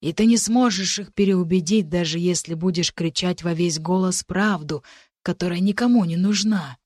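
A scarred young rogue girl , as a woman reader puts her on, speaking with a husky edge. She sounds self-assured and bitter. The recording is close and dry. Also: fairly low pitch, moderate pace, a little mellow, dry recording, lightly acted.

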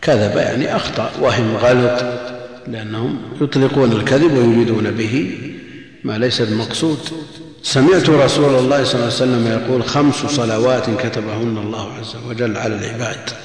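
A man giving a measured commentary lesson on a classical text, repeating key phrases and posing rhetorical questions. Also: mid-range voice. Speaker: religious lecturer. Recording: very echoey long hall reverb.

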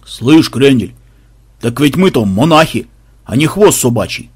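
A man voicing a gruff, touchy male deacon who leads a band of priests and talks in a blunt, grumbling way. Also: mid-range voice, very animated, normal speed, darkish tone, no echo, clean studio sound.

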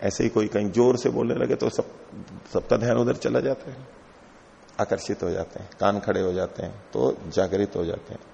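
A man's voice: lowish voice, fairly even intonation, normal speed, creaky, warm tone, slight background noise. A middle-aged man teaching a classical text, explaining each term patiently and going over it again. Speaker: teacher of philosophy. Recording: lo-fi hall recording with long reverb.

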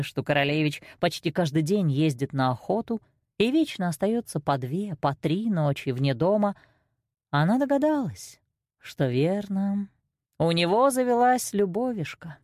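Woman, fairy tale narration, lowish voice, expressive, dry close sound. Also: no room sound. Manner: expressive, with wide swings in pitch.

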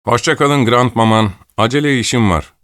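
A man's voice: medium pitch, normal speed, fairly bright tone, dry recording, studio quality, pitched above the performer's own voice, lightly acted. A man reading an audiobook, voicing a young officer who speaks lightly and teasingly.

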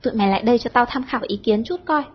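A woman voicing a bossy teenage schoolgirl who leads her friends, brisk and mock-stern, with a husky tone. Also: a little high, highs cut off. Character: bossy, sharp-tongued teenage schoolgirl leader.

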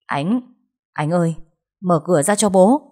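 An alarmed middle-aged father in a spoken story, read by a woman. He gives stern orders in a low, mellow voice. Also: animated, a little slow. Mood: urgent. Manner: urgent, shouting orders.

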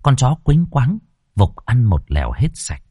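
A man narrating a ghost story in a dramatic, expressive reading style. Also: medium pitch, unhurried, breathy edge, no room sound, clean studio sound.

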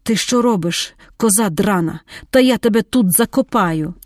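A woman's voice: mid-range voice, normal speed, darkish tone, dry recording, studio quality, close to an everyday voice. A woman voicing a crude, menacing middle-aged man who curses and bullies his lover. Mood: threatening. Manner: coarse, bullying and cursing.

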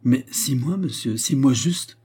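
A man reading an audiobook, voicing an indignant male concierge who exclaims and gossips excitedly. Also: unhurried, husky. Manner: excited, exclaiming, rising high.

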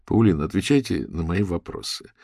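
Guy playing a businesslike cop questioning people, husky gravelly voice, dry sound. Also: deep voice, expressive, brisk, dark tone, no echo, heavily acted. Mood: stern. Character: stern impatient male police major. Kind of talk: audiobook character voice.

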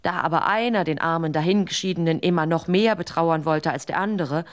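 A woman's voice: low voice, fairly quick. A woman reading a fairy tale as a radio story, dry and wry in her manner.

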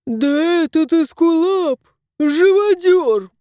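A woman's voice: medium pitch, very animated, dark tone, dry recording, studio quality. A woman voicing a plump, touchy male house cat who whines and sulks in an audiobook. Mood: whining. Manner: whining, drawn-out complaints. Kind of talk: audiobook character voice.

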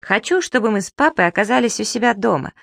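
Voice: fast talker, vocal fry, no room sound, clean studio sound. A narrator voicing a cheeky, childlike male creature who giggles and teases, in an audiobook reading. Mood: smug. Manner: giggling, teasing, high and lively.

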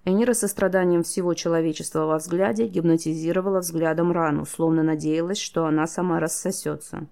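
A woman narrating an audiobook in a steady storytelling manner, voicing the characters herself. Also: low-pitched, fairly quick, creaky, few pauses. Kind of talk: scripted narration.

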